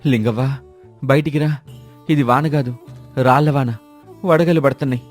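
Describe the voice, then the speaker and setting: A man voicing a cautious, kind-hearted village farmer who speaks in a steady, earnest way. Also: mid-range voice, moderate pace, faint music behind, natural voice. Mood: urgent. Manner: steady, earnest, shouts commands when urgent.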